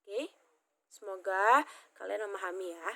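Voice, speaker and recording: A woman's voice: medium pitch, unhurried, creaky, fairly bright tone. A young woman with an Indonesian accent, teaching an English grammar lesson. She repeats and spells out the example words as she goes.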